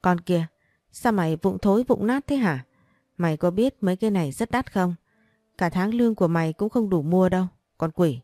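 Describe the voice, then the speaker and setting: A woman voicing a sharp-tongued older mother-in-law who hurls insults in a storybook reading. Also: fairly low pitch, moderate pace, no echo, clean studio sound, close to an everyday voice. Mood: furious. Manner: harsh, insulting.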